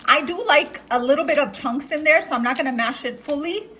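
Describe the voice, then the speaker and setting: A woman's voice: high-pitched, brisk, background noise. Chatty woman vlogging from her kitchen. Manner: chatty, instructive, talks to viewers. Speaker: cooking vlogger. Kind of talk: casual cooking demo. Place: home kitchen.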